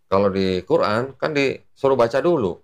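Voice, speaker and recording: A man's voice: mid-range voice, expressive, normal speed. A man, an Islamic preacher explaining at length in casual talk, patient and full of fillers.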